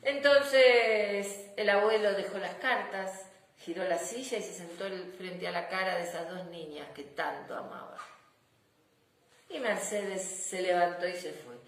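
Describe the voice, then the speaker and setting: A woman's voice: medium pitch, unhurried. A woman narrating a children's story expressively as a storyteller. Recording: echoey room.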